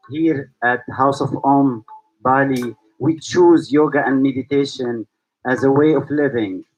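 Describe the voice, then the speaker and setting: A Syrian man who founded and hosts a yoga school gives a reflective talk to online viewers, posing one rhetorical question after another. His voice is mid-range, and the recording is rough.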